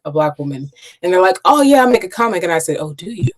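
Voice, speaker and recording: A woman hosting a casual interview over a video call, animated and chatty. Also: on the low side, fast talker. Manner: animated, chatty, laughs often. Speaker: podcast host.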